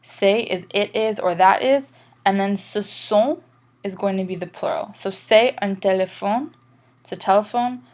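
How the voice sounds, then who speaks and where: A woman teaching French grammar in a recorded lesson, explaining patiently and slowing down for examples. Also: mid-range voice, darkish tone.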